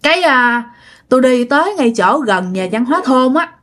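A woman's voice: high-pitched, animated, moderate pace. A woman putting on a panicked drunk old village man. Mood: shaken. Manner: panicked shouting and drunken cursing.

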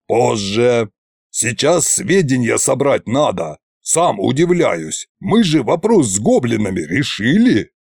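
Man doing gruff old tsar Koschei. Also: mid-range voice, sing-song, darkish tone, dry recording, studio quality, heavily acted. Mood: commanding. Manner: barking curt orders, slow and deliberate.

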